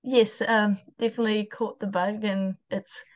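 A woman with a New Zealand accent, an aircraft technician and pilot, speaks informally and a little hesitantly as a guest in a casual interview. Her voice is mid-range, level in tone, at a moderate pace.

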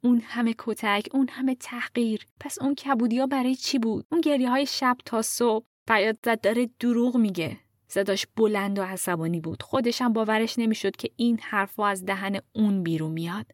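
A woman narrating a true story in a calm, measured storytelling voice. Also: a little high, no echo, clean studio sound. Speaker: podcast narrator.

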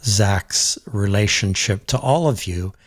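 A man hosting a podcast interview, asking long questions and explaining ideas in a measured way. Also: fairly low pitch, no echo, clean studio sound. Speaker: podcast host.

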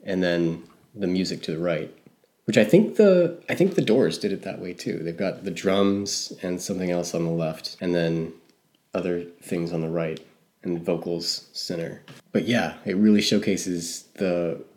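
Male co-host, very low voice, casual rambling music chat. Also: normal speed, darkish tone. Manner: rambling, self-correcting, hedging. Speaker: podcast co-host.

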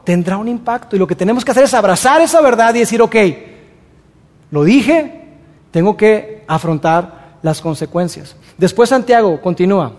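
A man preaching a sermon as pastor, in a conversational way, acting out everyday excuses in quick asides. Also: high voice, a little mellow. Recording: long reverb of a large hall.

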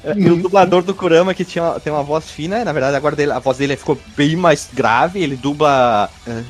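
A man chatting casually as a podcast co-host, animated and talkative, explaining things at length. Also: on the high side, a little fast, soft background music. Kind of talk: casual chat.

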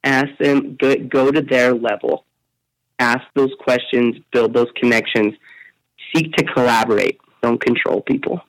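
A man being interviewed on a podcast, telling stories in an animated way and often repeating his words as he talks. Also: medium pitch, unhurried, no room sound, rough recording. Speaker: interview guest, speaker.

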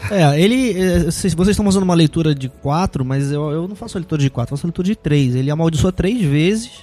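A man talks rapidly in a casual discussion, hammering the same point again and again. His voice is slightly high. Faint music runs behind him. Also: expressive, mellow. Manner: quick and insistent, repeats his points.

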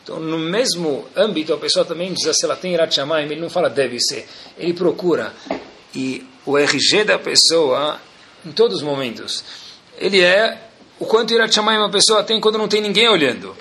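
A Brazilian man gives a religious lecture in a bright, lively voice. His pitch sits a little high and roams widely as he questions his listeners and teases them with humor. He sounds like an engaged teacher working a room. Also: a little fast, a little hiss or hum. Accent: Brazilian Portuguese. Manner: animated, asks rhetorical questions, jokes with the audience. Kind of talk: Torah class lecture.

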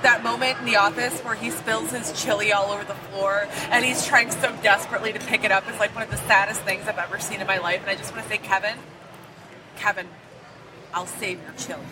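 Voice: medium pitch, fairly even intonation, quick pace, hardly any pauses. A speaker making wry, playful remarks in a casual podcast chat. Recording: distant mic with convention noise.

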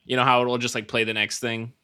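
A man's voice: medium pitch, flat delivery, quick pace, pushed and bright, clear, resonant tone. A man with an Irish accent co-hosting a casual podcast, joking and swearing as he reads from an article. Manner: joking, swears casually, says "dude" a lot. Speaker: podcast co-host. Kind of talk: casual chat, reading an article aloud.

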